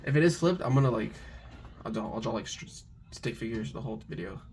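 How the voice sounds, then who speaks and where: A woman's voice: very deep voice, lively intonation, brisk, vocal fry, darkish tone. A woman co-hosting a video in casual, offhand chat. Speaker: co-host of card pack opening video. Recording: faint background room noise.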